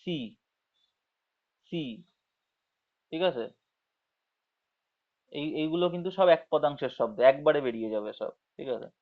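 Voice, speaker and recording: A man's voice: a little high, lively intonation. Patient man teaching an online class. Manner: explains slowly, checks understanding with frequent tag questions; drawls words out syllable by syllable when demonstrating. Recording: dull lo-fi audio.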